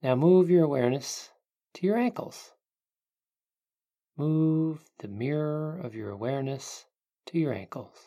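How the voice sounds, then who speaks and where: Like someone narrating a sleep story, a meditation guide speaks in a hushed, gentle way. The voice is medium in pitch and creaky, pausing at length.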